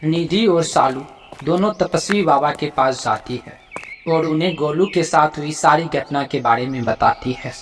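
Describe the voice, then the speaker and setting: A man giving the scripted narration of a cartoon story with steady storytelling delivery. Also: a little high, unhurried, a little hiss or hum.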